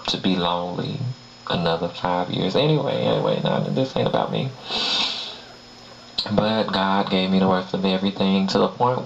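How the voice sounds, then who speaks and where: Young comic with a rough, gravelly voice, crude and self-mocking, taped lo-fi in a small club. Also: male voice, low-pitched. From Arkansas, US South. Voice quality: gravelly voice he calls ugly. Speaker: stand-up comedian. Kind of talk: stand-up set. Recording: dull lo-fi recording with faint hum.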